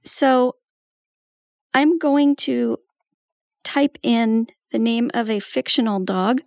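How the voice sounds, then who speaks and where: A woman's voice: on the high side, takes it slowly, gravelly, no echo, clean studio sound. A woman giving a patient, step-by-step tutorial walkthrough as a trainer. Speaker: assistive technology trainer.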